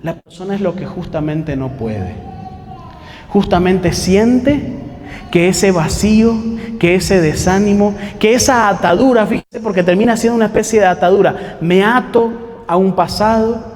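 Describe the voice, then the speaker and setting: High-voiced preacher in echoing hall. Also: male voice, expressive, unhurried, darkish tone. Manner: conversational, rhetorical questions, mock-quoting people. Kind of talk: sermon.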